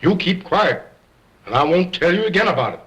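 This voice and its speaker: Vain, stern showman ventriloquist, raspy and sharp, old-time film recording. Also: high-pitched, sing-song, a little fast, exaggerated voice. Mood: pompous. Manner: pompous, grandly formal showman. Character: egocentric, stern middle-aged ventriloquist. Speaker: stage ventriloquist. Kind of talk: 1920s stage and film acting. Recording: vintage 1929 film soundtrack.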